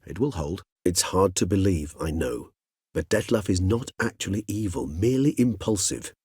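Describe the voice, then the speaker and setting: Here a low, slightly mellow and husky male voice plays a centuries-old vampire in a video game, one who is courteous, learned and world-weary. The lines come out calm and earnest in formal, eloquent, measured phrasing, recorded studio-clean without echo.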